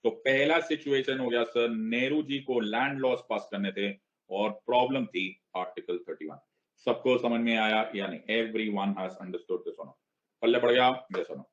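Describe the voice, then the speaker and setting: A male teacher giving an online exam-prep lecture. He mixes Hindi and English, drills the class with repeated questions, makes playful asides, and slows down to stress each word when reading legal text. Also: mid-range voice, muffled recording.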